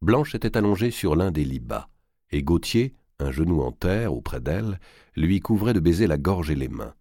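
A man reading a historical novel aloud in a measured, literary narration. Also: low-pitched, big pitch swings, mellow, no echo, studio quality. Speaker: audiobook narrator. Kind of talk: scripted narration.

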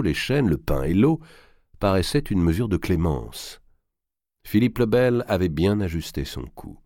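A man giving a dramatic audiobook narration with expressive storytelling. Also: low voice, no echo, studio quality.

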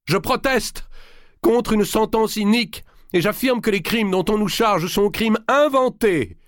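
A man reading aloud voices an aged grand master who defies his judges in a booming, declaiming voice. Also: unhurried, no echo, studio quality. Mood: defiant.

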